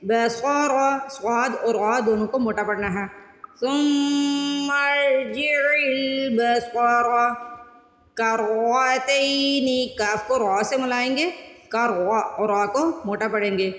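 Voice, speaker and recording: A woman teaching Quran recitation, chanting verses slowly and drawn out, then explaining each sound step by step. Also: mid-range voice. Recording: roomy with long reverb.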